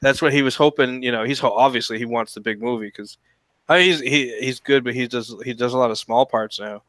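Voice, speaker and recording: A man chatting casually on a livestream in a rambling, halting way, often repeating and restarting his phrases. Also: mid-range voice, fairly bright tone, no echo, rough recording. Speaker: stream participant chatting about TV shows.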